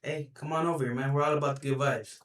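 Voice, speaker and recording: A man's voice: mid-range voice, steady tone, fast talker, fairly bright tone, recorded from a distance. A young man co-hosting a gaming podcast, chatting casually and rambling with lots of "you know.". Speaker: podcast co-host. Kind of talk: casual chat. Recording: roomy, a bit off-mic.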